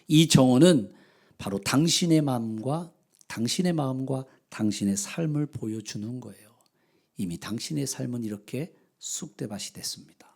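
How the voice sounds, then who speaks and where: A man voicing the Holy Spirit as a calm, consoling presence who speaks softly and with measured earnestness. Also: medium pitch, vocal fry, voice pushed down. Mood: earnest.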